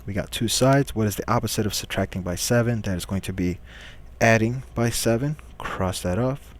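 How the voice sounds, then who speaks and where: A man's voice: fairly low pitch, normal speed. A man teaching a recorded math lesson, patiently walking through each step and asking questions he then answers himself.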